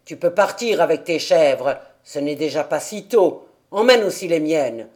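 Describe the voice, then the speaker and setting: A woman voicing a gruff old grandfather of the Alps, speaking roughly and curtly. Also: low voice, animated, unhurried, darkish tone, voice pushed down. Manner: rough, curt.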